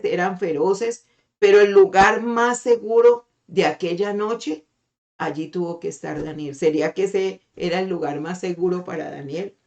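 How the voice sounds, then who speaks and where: A middle-aged woman pastor gives a devotional sermon over an online meeting call. Her voice sits low, and she talks expressively, pausing often to put rhetorical questions to her listeners. She slows down whenever she reads scripture aloud. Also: vocal fry, darkish tone.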